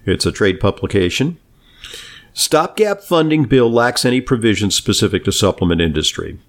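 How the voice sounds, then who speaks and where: Male podcast host, slightly hoarse, low pitch, casual and halting delivery. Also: lively intonation. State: slightly hoarse after screaming at a game. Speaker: podcast and radio host, doctor. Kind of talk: casual talk show chat.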